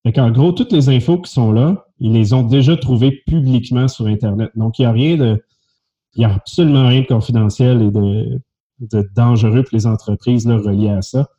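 A man's voice: mid-range voice, moderate pace, dark tone, lo-fi sound. A man hosting a podcast, asking interview questions in a hesitant way with frequent fillers. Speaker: podcast host.

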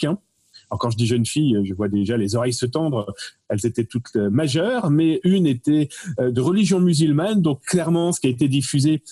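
A man talks through a story in loose, chatty fashion, doubling back and filling pauses as he goes. His voice sits a little high, with a husky, mellow tone. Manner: digressive, many fillers and restarts. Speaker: guest expert. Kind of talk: casual explanatory chat.

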